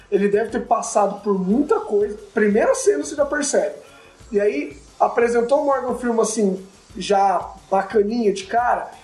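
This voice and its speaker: A man's voice: high voice, darkish tone. Chatty man in an echoey room. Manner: chatty, slangy, enthusiastic. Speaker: podcast co-host. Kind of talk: casual film discussion. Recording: roomy echo.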